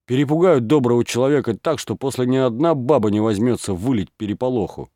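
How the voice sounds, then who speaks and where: A man's voice: medium pitch, quick pace, dry recording, clean studio sound, voice pushed up, natural voice. A man voicing frightened village watchmen who protest and plead in an audiobook reading. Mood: agitated. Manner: excited, protesting.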